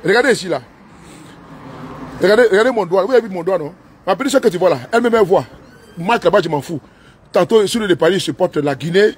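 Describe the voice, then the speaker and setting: A man's voice: high-pitched, animated, fast, pauses often, breathy edge. A man streaming live from inside his car, talking in a long, repetitive, rambling monologue and slipping into broken English now and then. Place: inside his parked car with engine running.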